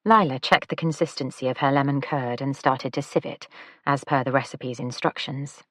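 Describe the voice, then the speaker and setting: Low-voiced woman narrating an audiobook. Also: normal speed, a bit bright, no room sound, studio quality. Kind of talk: scripted narration.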